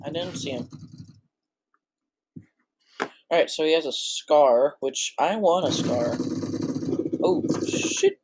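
A teenage boy with a voice that is breaking, casually commentating his own gameplay with excitable, blurting reactions. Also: a little high, slow pace, long pauses. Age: teens. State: voice cracking. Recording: noisy, with mouse clicks.

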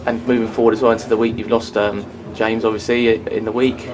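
Man, club interviewer, low-pitched, flat and hesitant, crowd in the background. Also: quick pace. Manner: flat, hesitant questioning with fillers. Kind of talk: post-match interview questions.

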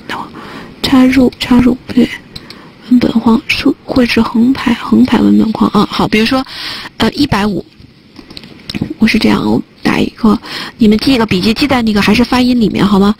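A woman with a fairly high voice teaches an online test-prep listening class, chatting and cracking jokes while typing notes on a whiteboard. The recording is rough, with a bit of background noise.

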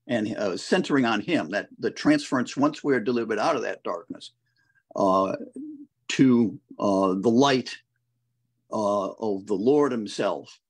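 A man co-hosting a conversational Bible study over a video call, reflecting slowly and reading scripture verses aloud. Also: mid-range voice, husky.

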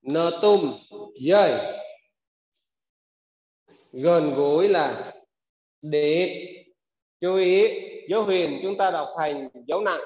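A male language teacher drilling pronunciation, pronouncing each word very slowly and twice over, with a somewhat high voice. He explains each rule patiently. The sound is dull and lo-fi, in an echoey hall with a long reverb. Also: a little mellow.

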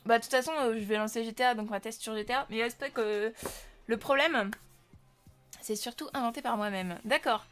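Young woman streamer from France, slightly high voice, loose chatty delivery, desk mic, faint music. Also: fairly quick. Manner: chatty, lots of fillers, greets viewers. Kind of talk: casual live-stream chat. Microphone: desk microphone.

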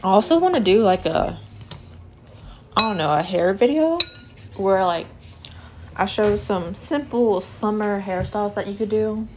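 A young woman talks her viewers through her cooking in a loose, rambling way, filling the gaps with "like" and "um". Her pitch sits in the middle of the range. The home recording carries a clear layer of background noise. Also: lively intonation, a little slow, long pauses, rough recording. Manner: rambling, lots of "like" and "um". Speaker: vlogger. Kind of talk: casual chat while cooking. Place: home kitchen.

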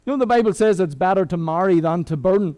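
A high-voiced Irish man in middle age preaching a sermon. He talks to the congregation like friends, mixes jokes into the message and restarts his sentences often. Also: animated, quick pace, dark tone. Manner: conversational and humorous, with many restarts. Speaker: guest preacher.

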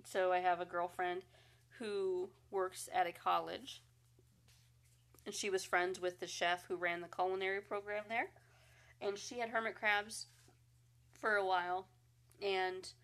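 A woman's voice: medium pitch, a bit bright. A woman hosting a casual live-stream chat, chatty and rambling with fillers, a bit congested and sniffly. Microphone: phone.

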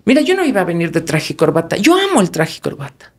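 Un hombre invitado en un podcast, que habla con pasión y énfasis y suelta groserías a menudo. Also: male voice, a little high, wildly swooping pitch, fast, husky. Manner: passionate, emphatic, swears often. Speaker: podcast guest. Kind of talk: emotional podcast conversation.

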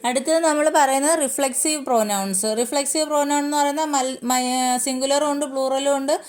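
A woman's voice: high-pitched, normal speed, a little mellow. A woman with a Malayali accent teaching English grammar in a casual spoken lesson, going through terms one by one and repeating them as she explains.

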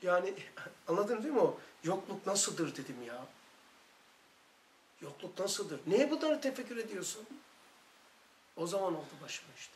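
A man's voice: high voice, big pitch swings, moderate pace, long pauses, slight background noise. A man with a Turkish accent leading a religious study circle, talking with fervent, emphatic storytelling. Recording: echoey room recording.

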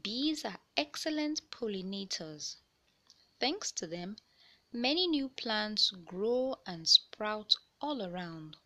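An animated, unhurried woman with a medium-pitched voice reads an expressive children's science picture book aloud. As a read-aloud narrator of children's books, she uses a deliberate, questioning storyteller style for young listeners.

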